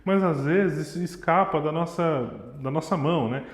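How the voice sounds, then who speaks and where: A man's voice: a little high, moderate pace. A young man teaching violin, explaining patiently and singing short phrases to illustrate. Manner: demonstrative, sings and vocalizes rhythms to illustrate. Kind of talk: explanatory music lesson. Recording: echoey room with long reverb. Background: violin playing.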